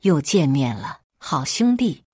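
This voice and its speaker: Cool teenage schoolboy, calm and teasing, as a woman reader puts him on, lower voice, dry close sound. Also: moderate pace, no echo.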